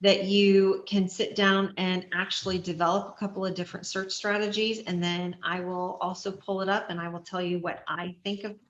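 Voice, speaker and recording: A woman's voice: lowish voice, little pitch movement, normal speed, few pauses, roomy sound, lo-fi sound. A woman instructor explaining search dog strategy to a class in a practical, step-by-step way with frequent fillers. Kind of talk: online class lecture.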